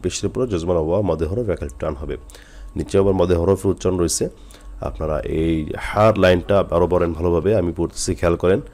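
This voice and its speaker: Low-voiced guy from jessore teaching quran letters, jessore bengali accent, says each sound slow and repeats it. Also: steady tone, darkish tone. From Jessore, Bangladesh. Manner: patient, drills letters slowly and repeats them. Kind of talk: recitation lesson.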